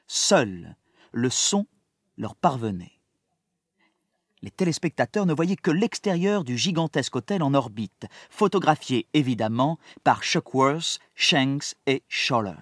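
Male audiobook narrator, expressive, dramatic, husky, lively pitch, dry close sound. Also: a little slow, no room sound. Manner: lively and dramatic, shifting with the story.

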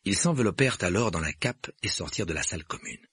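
Expressive, husky male audiobook narrator. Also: sits low, fast, no room sound, clean studio sound. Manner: expressive storytelling. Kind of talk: scripted narration.

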